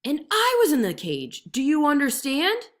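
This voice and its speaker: A woman puts on an arrogant tiger who has no patience left. He roars his lines, loud and bullying, a storybook villain who talks down to everyone. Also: high voice, huge pitch swings, moderate pace, voice pushed up. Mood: impatient. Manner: loud, roaring, impatient.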